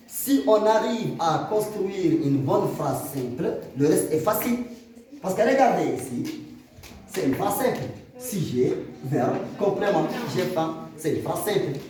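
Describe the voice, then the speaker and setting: Male teacher, high voice, quizzing the class with examples; recorded from far off in an echoey room with a crowd behind. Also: very animated, slow, background noise. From Mauritania. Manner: explains with examples, asks the class questions. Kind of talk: classroom grammar lesson.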